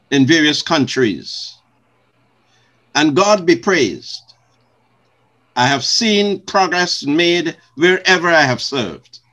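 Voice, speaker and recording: Older male pastor from Guyana, interview guest, formal and unhurried, voice rises and falls a lot. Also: on the high side. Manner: slow, measured, formal phrasing with soft laughs.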